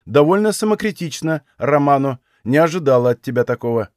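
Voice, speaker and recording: Audiobook: male reader playing a domineering older woman mage, crude and scornful, raised pitch, very animated. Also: fairly quick, dry recording, clean studio sound, close to an everyday voice. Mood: mocking. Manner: sneering, coarse, domineering. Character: arrogant foul-mouthed older female mage.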